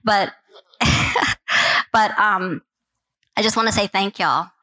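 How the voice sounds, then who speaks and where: A woman's voice: mid-range voice, slow, poor audio. A woman in her forties with a faint Southern accent, a missionary giving a rambling, good-humored testimony at church, laughing often. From Louisiana, US. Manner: warm, rambling, laughs often, says y'all. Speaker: missionary guest speaker.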